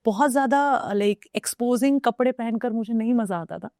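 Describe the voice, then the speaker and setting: A woman's voice: a little high, normal speed, warm tone, no room sound. A reflective young woman guest, dry close sound. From Uttar Pradesh, India. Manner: reflective, mixes Hindi and English. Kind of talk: casual conversation.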